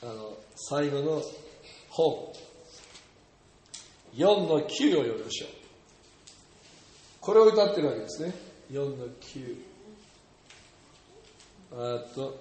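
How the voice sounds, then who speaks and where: A male pastor preaching a sermon to a congregation in a church hall. He reads scripture aloud loudly and with animation, and jokes with the room. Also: mid-range voice, expressive, slow, pauses often. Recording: echoey hall with long reverb.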